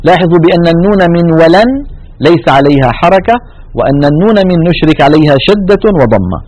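A man giving a step-by-step lesson on Quran recitation rules, explaining each rule and then reciting its examples twice, slowly and drawn out. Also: a little high, animated, darkish tone, dry recording, low-quality recording.

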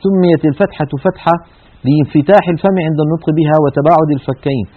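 A man's voice: a little high, fast talker. A man teaching a broadcast lesson on Quran recitation, explaining vowel sounds and demonstrating them by drawing them out. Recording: tinny phone-like broadcast audio.

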